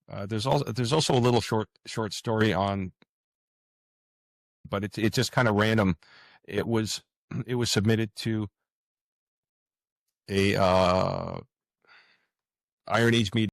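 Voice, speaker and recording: A middle-aged fiction author, appearing as an interview guest, chats casually in a somewhat low voice, hesitating and often repeating his words. There's no echo.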